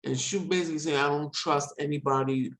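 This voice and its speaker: A man in his forties chatting casually on a video call, rambling quickly and self-deprecating. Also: fairly high pitch, fairly even intonation, fairly bright tone, poor audio. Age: 40s. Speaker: discussion guest.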